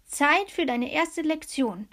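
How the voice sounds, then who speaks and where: A woman's voice: sits high, lively intonation, slow, a bit bright, voice pushed up, exaggerated voice. A woman voicing a plump, cheeky female luck fairy in a storybook reading, with a sing-song, teasing manner.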